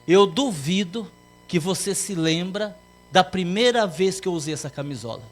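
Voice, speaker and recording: A man's voice: high-pitched, lively intonation, moderate pace. A man voicing a middle-aged wife in a joke, teasing her husband. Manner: teasing, challenging.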